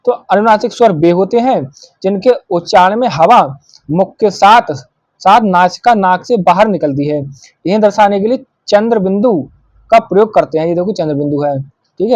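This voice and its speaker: A man's voice: high voice, a little mellow, dry recording, highs cut off. A male teacher working through an exam paper, asking himself questions and answering them. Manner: asks and answers his own questions. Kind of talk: exam paper walkthrough lesson.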